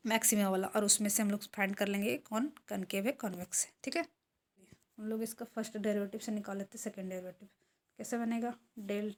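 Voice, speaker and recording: Woman lecturer, lesson, mellow tone, fairly high voice, talks through each step. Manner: talks while writing, asks and answers own questions. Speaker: economics teacher.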